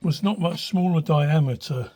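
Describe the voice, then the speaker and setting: Recorded on a handheld phone held behind the camera, this clip features an older man, a radio-restoring hobbyist, demonstrating informally and without a script. His pitch sits on the high side and his pace is moderate, with a hesitant, thoughtful manner and a noisy background in a small, cluttered indoor room.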